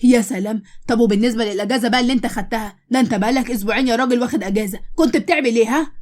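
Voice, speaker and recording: A woman's voice: fairly high pitch, very fast, darkish tone, natural voice. A woman voicing a playful, mocking young male coworker with an Egyptian Arabic accent. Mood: teasing.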